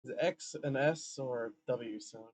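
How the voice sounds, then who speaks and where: A man's voice: mid-range voice, a little slow, no echo. A man streaming a video game, chatting casually as he plays. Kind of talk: casual chat while playing.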